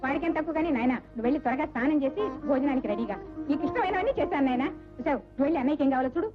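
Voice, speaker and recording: A woman's voice: high-pitched, expressive, racing. An actress playing a domineering, sarcastic mother-in-law in an old film, scolding her family. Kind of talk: 1980s Telugu film acting. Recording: lo-fi film soundtrack with music.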